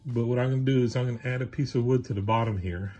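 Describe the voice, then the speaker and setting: A man explaining a woodworking project in a casual, unhurried how-to manner, with fillers as he goes, recorded in a home shop. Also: medium pitch, steady tone, warm tone, highs cut off. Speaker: woodworking hobbyist.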